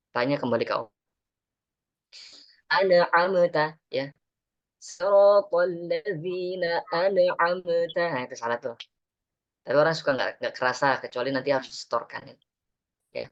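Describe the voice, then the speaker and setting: Tajwid teacher talking fast then drawing out verses real slow, muffled mic sound. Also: mid-range voice, fairly bright tone. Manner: brisk explanations, slow drawn-out recitations. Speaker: Quran recitation teacher. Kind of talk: online tajwid lesson with recitation demos. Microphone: speaking into a microphone.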